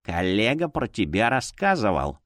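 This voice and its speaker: A man's voice: fairly low pitch, big pitch swings, moderate pace, a bit bright, no echo, clean studio sound. A man growling as a smug villainous alchemist. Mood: sly, grumbling. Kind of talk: audiobook character voice.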